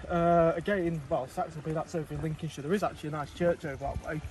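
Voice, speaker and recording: A man's voice: fairly high pitch, flat delivery, quick pace, a little mellow, a little hiss or hum, poor audio. A young man, co-hosting a travel vlog outdoors, who talks in a hesitant way with many ums and restarts. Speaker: travel vlogger. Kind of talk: casual outdoor vlog chat. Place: outdoors in a field. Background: background music.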